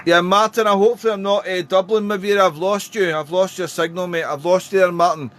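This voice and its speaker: This man's voice sits high, his tone steady and his pace brisk, as he handles amateur radio contacts with phonetic call signs and friendly chatter. Clear background radio noise can be heard.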